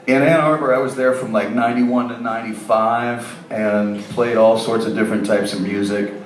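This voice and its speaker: A man's voice: mid-range voice, fairly even intonation, normal speed, reverberant, distant mic, rough recording. A man from Ohio, a musician guest telling stories in a radio interview.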